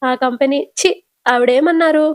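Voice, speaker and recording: A woman's voice: sits high, moderate pace, natural voice. A woman voicing a wry young son who dryly teases his mother in a retold serial.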